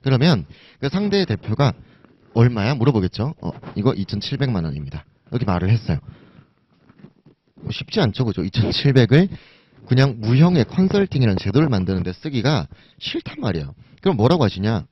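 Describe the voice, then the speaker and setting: Lively, chatty male lecturer. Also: medium pitch, fairly quick, slightly rough. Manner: conversational, asks and answers his own questions. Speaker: exam prep lecturer. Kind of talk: recorded lecture. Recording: dull lo-fi recording.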